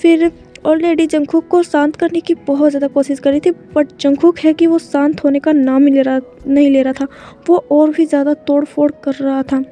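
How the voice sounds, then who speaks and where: A woman narrates a story in a casual, chatty way, circling back on her words. Her voice is high but mellow. Faint music plays behind her. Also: level tone, normal speed. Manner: chatty, repetitive retelling.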